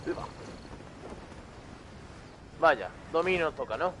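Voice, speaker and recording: A man's voice: fairly high pitch, animated, takes it slowly, noisy background. A man commenting casually on a game he is playing, joking and laughing. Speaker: gaming streamer.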